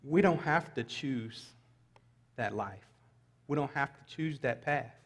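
Slowly and expressively, a middle-aged man with a mid-range voice reads scripture during his sermon, tossing light asides to the congregation. Long reverb from the big church hall surrounds him as he preaches.

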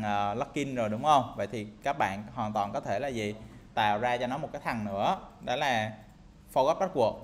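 A man's voice: mid-range voice, fairly bright tone. A man teaching game programming in a screen-recorded tutorial, talking casually and thinking aloud with lots of fillers and tag questions. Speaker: programming instructor.

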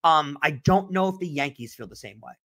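A young man hosting a solo sports podcast, answering listener questions in an animated, emphatic way and repeating his points. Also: fairly high pitch, fairly quick. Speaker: podcast host.

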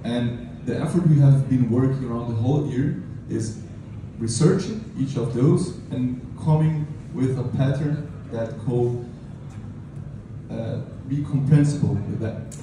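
A man presents a casual technical lightning talk with halting phrasing and a medium pitch. He sounds distant from the microphone, in a strongly reverberant conference room. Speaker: conference speaker. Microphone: handheld mic through PA, picked up by a distant camera. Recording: roomy, distant, noisy room recording.

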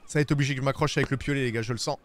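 A man streaming a video game, chatting casually with viewers and swearing, with bursts of shouting at the animals in the game. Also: medium pitch, steady tone, racing, a little hiss or hum. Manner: talks to his chat viewers. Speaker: streamer playing a climbing game. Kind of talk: casual gameplay commentary.

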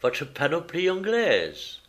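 A man doing calm, precise Sherlock Holmes. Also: fairly high pitch, takes it slowly, voice pushed up, full character voice. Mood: composed. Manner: composed, patient, precise. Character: calm, sharp-eyed male detective, measured and polite.

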